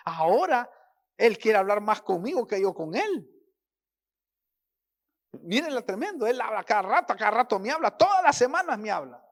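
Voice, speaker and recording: Emphatic preaching man, middle-aged. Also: sits high. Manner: emotional, emphatic preaching with rising intensity. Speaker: pastor. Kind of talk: sermon.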